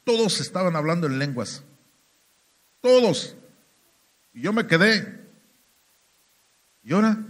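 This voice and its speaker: A man with a Mexican accent preaches a testimony sermon in church, his high, sing-song voice moving slowly with long pauses. He speaks emphatically and keeps turning to the congregation, calling them "hermanos."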